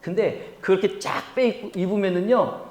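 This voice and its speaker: A man's voice: high voice, moderate pace. A male pastor preaching a Sunday sermon, telling stories vividly and asking the congregation questions. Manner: animated storytelling, acts out quotes, asks the congregation questions. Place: church sanctuary. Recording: echoey church sanctuary.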